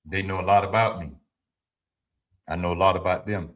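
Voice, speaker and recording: Speaking to a live audience, a fifty-something male streamer delivers preachy, informal motivation, restating ideas and responding to the chat. The voice sits low, the intonation stays fairly even, and the pace is moderate.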